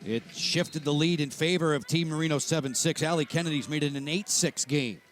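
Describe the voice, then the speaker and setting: A man doing play-by-play commentary for a live lacrosse broadcast, with a steady, informative delivery. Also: fairly high pitch, brisk, a little hiss or hum, low-quality recording.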